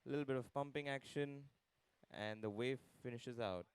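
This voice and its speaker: Guy doing live surf play-by-play, smooth clear voice, pretty dry mic sound. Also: mid-range voice, moderate pace, dry recording. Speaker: surf contest commentator. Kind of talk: live play-by-play commentary and time calls.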